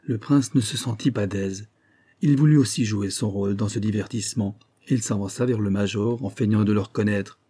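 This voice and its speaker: A man narrating an audiobook in a measured storytelling manner. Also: lowish voice, fairly even intonation, mellow, slightly rough. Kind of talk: audiobook reading.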